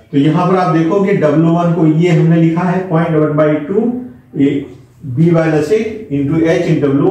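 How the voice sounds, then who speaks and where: A man's voice: a little high, mellow, recorded from a distance. Man lecturing in a very echoey room. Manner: step-by-step, mixes Hindi and English terms, talks to students directly. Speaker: civil engineering lecturer. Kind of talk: classroom lecture explaining a derivation. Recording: echoey room, speaker away from mic.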